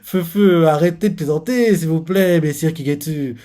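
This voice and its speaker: A man's voice: on the high side, normal speed, dark tone, lightly acted. A man voicing a young servant woman, polite and easily flustered.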